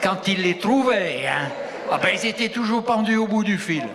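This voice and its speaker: A man's voice: high voice, expressive, moderate pace, over a noisy crowd, very noisy. A man with a rural French accent doing live stand-up comedy, teasing the audience with rustic banter. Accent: regional rural French. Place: live show hall. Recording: long reverb of a live hall.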